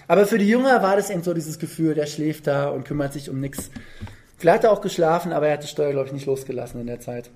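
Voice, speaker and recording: A preacher giving a relaxed, conversational sermon, telling the story vividly and often adding little tag questions. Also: medium pitch, quick pace, slight background noise.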